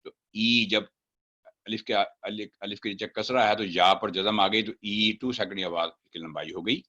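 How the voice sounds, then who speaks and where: A man's voice: on the low side, fairly even intonation, moderate pace, bright, forceful tone, highs cut off. A man teaching Quran recitation, chanting example words syllable by syllable and then explaining the rules. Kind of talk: step-by-step recitation lesson.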